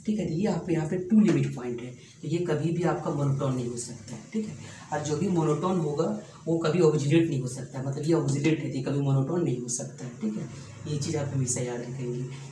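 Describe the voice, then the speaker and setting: A man's voice: on the high side, dark tone. Man teaching math in a roomy hall. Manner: repeats terms and asks rhetorical questions; mixes Hindi with English terms. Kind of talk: classroom math lecture. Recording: roomy sound from far off with faint noise.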